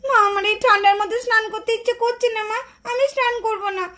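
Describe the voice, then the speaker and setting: A woman's voice: very high voice, steady tone, fast talker, pushed and bright. A woman voicing a sleepy, stubborn little girl doll in a puppet cartoon, whining and pleading. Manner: whiny, pleading.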